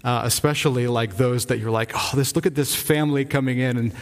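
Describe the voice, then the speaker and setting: With a mid-range voice and fairly even intonation, a visiting church-planting pastor from Rhode Island offers an earnest, informal pulpit update, enthusiastic but halting with many restarts. The sanctuary gives the recording a long reverb.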